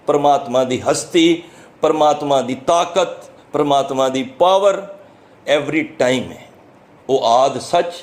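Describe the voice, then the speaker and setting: A man with a Punjabi accent giving a sermon, explaining scripture line by line in an earnest, teaching manner and drawing verses out slowly before he explains them. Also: a little high, a little mellow. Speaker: Sikh preacher giving scripture commentary.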